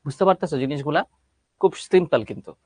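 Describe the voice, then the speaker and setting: A man's voice: on the high side, fast, mellow, husky, no echo. Patient man teaching English grammar. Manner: explains step by step, asks and answers his own questions. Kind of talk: online class teaching.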